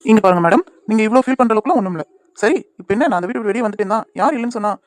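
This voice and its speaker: A woman voicing a gentle, fast-talking cartoon young man. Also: fairly high pitch, no room sound, studio quality, natural voice. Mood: reassuring. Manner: soothing, reassuring, quick talking. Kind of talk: cartoon voice acting.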